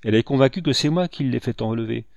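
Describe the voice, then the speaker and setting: A man's voice: mid-range voice, quick pace, vocal fry, a little mellow, no room sound, close to an everyday voice. A man voicing a grave, anguished male commander, proud and restrained, with stern, urgent questions.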